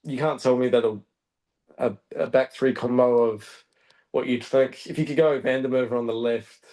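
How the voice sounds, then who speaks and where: A man's voice: medium pitch, steady tone, moderate pace, dark tone. A man from Australia, a rugby reporter guest on a podcast, talking casually and thinking aloud. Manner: thinks aloud, hesitant with fillers and restarts. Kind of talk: casual chat.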